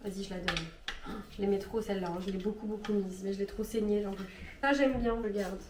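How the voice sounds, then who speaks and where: A woman in her thirties, ill and with a rough, rusty voice, chatting in a casual, indecisive and self-mocking way as she sorts her clothes at home. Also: mid-range voice, steady tone, fast talker, a little mellow, reverberant, slight background noise. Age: 30s. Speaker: lifestyle vlogger. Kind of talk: casual chat sorting clothes.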